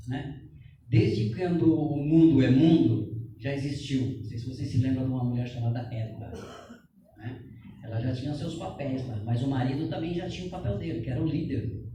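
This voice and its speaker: A man's voice: fairly high pitch, mellow, slight background noise. A man giving a joking, chatty church talk to couples, often tagging lines with "né?". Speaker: speaker at a couples' meeting. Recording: echoey hall, voice from far off.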